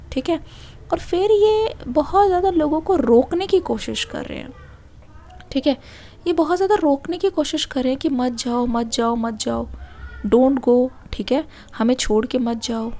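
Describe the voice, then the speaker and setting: A woman gives a tarot reading to her viewers. Her voice sits high but sounds mellow and warm. She explains patiently and keeps dropping in a reassuring filler as she goes. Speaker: tarot reader.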